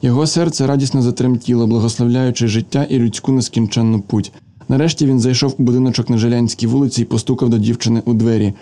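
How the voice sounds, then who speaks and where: A man reading a literary story aloud as an audiobook, in steady, measured narration. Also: mid-range voice. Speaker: reader.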